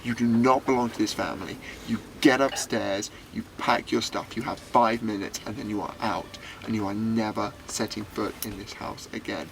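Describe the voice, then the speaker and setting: A man playing an angry father who speaks low and quiet with menace. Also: fairly even intonation, normal speed, creaky, few pauses, a little hiss or hum, rough recording. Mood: cold fury.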